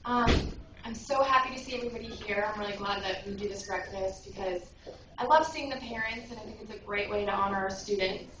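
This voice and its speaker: A woman's voice: medium pitch, fairly quick. A woman school guidance counselor giving a speech at a school awards breakfast, telling a story and acting out its voices. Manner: warm storytelling, acts out quoted voices. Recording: echoey room from far off, noise.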